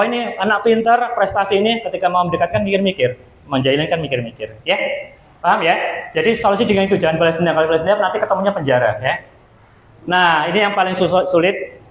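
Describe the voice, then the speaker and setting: A man in his thirties, a prison officer, giving a motivational talk to students, asking them rhetorical questions and swinging between emphatic rises and low asides. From Indonesia. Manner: asks the audience rhetorical questions. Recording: echoey room with faint ambient noise.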